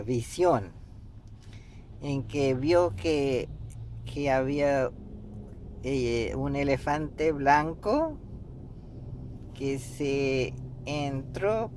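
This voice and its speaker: A middle-aged man slowly reading aloud from a book and explaining it, with frequent pauses, restarts and fillers, recorded from a dashboard camera in a parked car. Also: a little high, a little hiss or hum. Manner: hesitant, many restarts and fillers. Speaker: reader and meditation teacher. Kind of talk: slow halting book reading with commentary.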